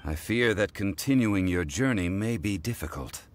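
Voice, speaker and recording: A deep, stately ancient god. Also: male voice, lively intonation. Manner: measured, formal, stately speech. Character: ancient god living as a calm, dignified mortal man. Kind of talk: video game voice acting.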